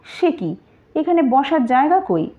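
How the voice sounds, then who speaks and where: A woman's voice: sits high, sing-song, a little slow, mellow, voice pushed up. A woman voicing a carefree, doting young male nawab heir, in an easy, lightly questioning tone. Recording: tinny phone-like audio.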